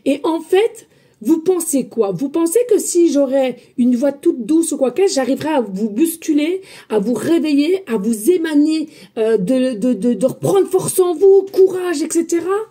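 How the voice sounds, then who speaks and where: A woman medium giving a spiritual guidance reading, talking loudly and emphatically and chatting with her viewers as friends. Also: sits high, normal speed. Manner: loud, emphatic, energetic talk. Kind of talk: casual spoken guidance to viewers.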